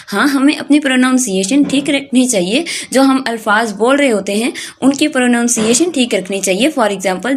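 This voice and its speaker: A woman from Pakistan with a Pakistani accent, teaching English phrases in an online lesson. She addresses her students directly, repeats key words for emphasis and says each English phrase slowly and deliberately. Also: fairly high pitch, slight background noise.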